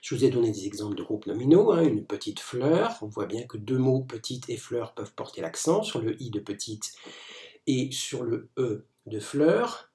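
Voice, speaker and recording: A man gives a recorded lecture, explaining patiently and stumbling often over restarts and fillers. His voice is dark and mellow, caught in an echoey room. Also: medium pitch, big pitch swings, moderate pace. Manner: hesitant, many fillers and restarts; explanatory, didactic. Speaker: teacher.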